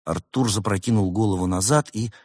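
A man reading a storybook aloud in a measured, wry narration. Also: lowish voice, a little mellow, no room sound, studio quality.

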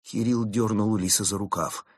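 A man narrating an audiobook story in a steady, expressive reading. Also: on the low side, moderate pace, breathy edge, dry recording, studio quality.

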